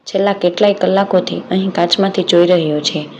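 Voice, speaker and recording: A woman tells a story in a low, even voice that barely rises or falls. Her narration is steady and measured. The recording is a little dull, with a faint hiss behind it. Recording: slightly dull lo-fi audio with faint background noise.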